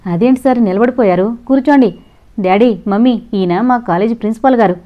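A woman's voice: on the high side, a little fast, lightly acted. A woman voicing an earnest, indignant young male college student in a storybook reading, emphatic and pleading, on a dull lo-fi recording. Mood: cheerful.

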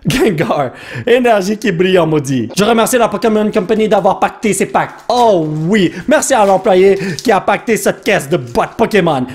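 A young man with a Quebec French accent who chats excitedly and casually while hosting a card-opening video. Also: high voice. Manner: excitable, chatty, slangy. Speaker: host.

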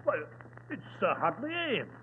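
An actor playing a blustery, loyal gentleman doctor with exclamatory, old-fashioned speech, in 1940s radio style. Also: high voice, wildly swooping pitch, a little slow, exaggerated voice. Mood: surprised, curious. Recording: noisy, tinny old radio recording.

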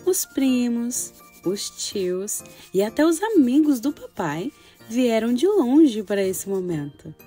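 A dreamy, wide-eyed little girl acted by a woman confides in her diary in a children's story. She speaks slowly and softly, excitable and sentimental, with a very lively melody. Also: on the high side, soft background music. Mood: wistful, confiding. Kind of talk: first-person children's story reading.

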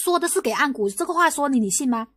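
Fast, high-voiced woman ranting on a livestream. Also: lively intonation, a bit bright, dry recording. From Guangdong, China. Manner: rapid, repetitive, argumentative, lots of restarts and rhetorical questions. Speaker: livestream host. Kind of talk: casual livestream commentary.

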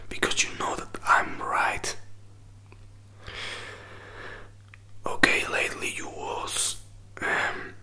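Man acting a whispering jealous boyfriend, slow whispered role-play. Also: pushed and bright. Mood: jealous, insistent. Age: 20s. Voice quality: breathy whisper. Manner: halting, repetitive, non-native English phrasing. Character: jealous, hurt young boyfriend pleading for explanations. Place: small indoor room. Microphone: close desk microphone with furry windscreen.

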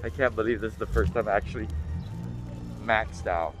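Strolling an outdoor market while loud music plays, this Guamanian vlogger keeps up a self-amused, casual chatter and greets his audience as "peeps." He speaks fairly quickly in a lowish voice.

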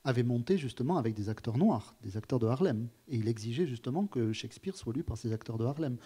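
A man's voice: mid-range voice, expressive, fast, warm tone, slightly rough. A man hosting a live stage conversation, speaking thoughtfully with many restarts and putting questions to his guest. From France. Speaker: host of a public talk. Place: auditorium.

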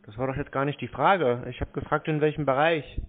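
Over a tinny, narrow-band phone line, a scam baiter argues with the caller, speaking bluntly and insistently to challenge the other side. His mid-range voice is fairly even in intonation and a little fast.

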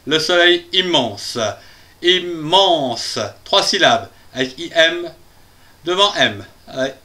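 Playing a cheery little boy bear who teaches children spelling, a man sounds out words slowly, one syllable at a time, with frequent chuckles. The voice is a little high, pushed and bright, and exaggerated.

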